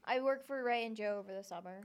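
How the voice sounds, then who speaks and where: A woman's voice: medium pitch, fast, clear, resonant tone. A young woman co-hosting a student radio show, rambling casually with many fillers. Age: young adult. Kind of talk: casual chat.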